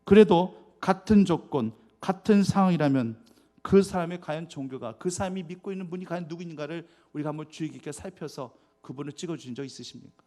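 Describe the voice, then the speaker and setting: A man preaching as a pastor in a church. He keeps asking the congregation rhetorical questions and swings from loud, stressed words to quiet asides. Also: fairly high pitch, a little fast. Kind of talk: sermon. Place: church sanctuary.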